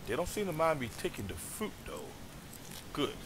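A man's voice: on the high side, very animated, moderate pace. A man giving gameplay commentary in character, musing and chatting to his in-game companions. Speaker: let's play gamer. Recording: noisy background.

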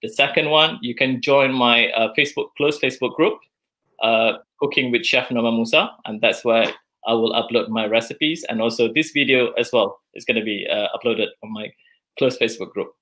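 Medium in pitch and moderate in pace, this man's voice has a sharp tone. He's in his forties, cooking live from his home kitchen in a casual demonstration, talking through his work and thinking aloud with many fillers. Audio is picked up by a video call camera shifting around the kitchen.

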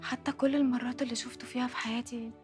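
An actress playing a young Egyptian woman softly confessing her grief in a TV drama. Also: fairly high pitch, flat delivery, rapid-fire, natural voice. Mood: sad. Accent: Egyptian Arabic. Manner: soft, hesitant, reflective. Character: young woman quietly grieving her father. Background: music.

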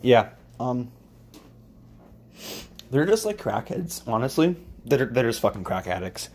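A man's voice: mid-range voice, sing-song, a little slow, darkish tone, a little hiss or hum. Mumbling, swearing young man. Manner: crude, swearing, mumbling, offhand. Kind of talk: rambling casual vlog while cooking. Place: home kitchen, indoors. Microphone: phone camera held and moved around.

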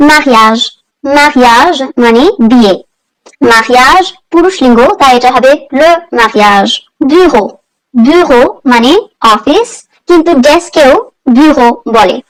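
A woman with a high voice teaches a beginner vocabulary lesson. Her native language is Bengali. She moves through the list slowly and deliberately, repeating each word before explaining its meaning. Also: poor audio.

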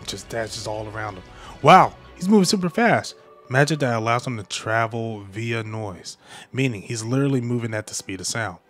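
A young man hosting a casual manga reaction, giving excitable play-by-play full of fillers like "like". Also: medium pitch. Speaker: reaction channel host.

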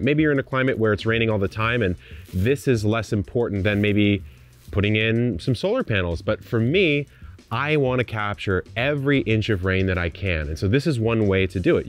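A man in his thirties with a fairly low voice hosts an outdoor walkthrough vlog, explaining in a friendly, enthusiastic way as he gestures around his suburban yard. He's recorded on a lapel mic outdoors, with faint music playing underneath. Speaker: gardening channel host.

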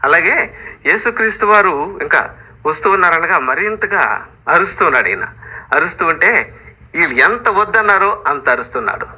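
A male pastor preaching with animated storytelling. His voice is very bright and sharp and sits a bit high. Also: normal speed, breathy edge. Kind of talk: sermon.

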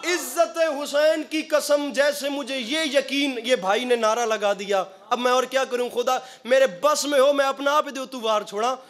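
Guy preaching hard, high pitched, leads chants, echoey live room. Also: fairly even intonation, normal speed, hardly any pauses, a bit bright. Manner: impassioned, leads chants, teases the crowd. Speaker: zakir, religious orator. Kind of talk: devotional sermon at a celebration.

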